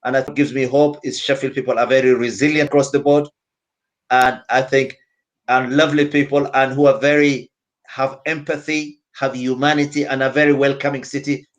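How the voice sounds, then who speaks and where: A man's voice: mid-range voice, level tone, normal speed. A man from Somalia, speaking earnestly on a panel over a video call and repeating his key phrases. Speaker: community centre representative. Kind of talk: panel discussion.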